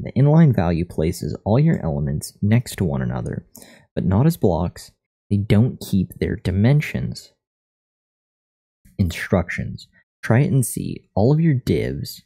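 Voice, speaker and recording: Man, live streamer, slow drawl, lively intonation, reads lessons aloud with jokes. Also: deep voice, creaky. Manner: reads lesson text aloud with joking asides. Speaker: streamer learning to code. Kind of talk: casual live-stream commentary.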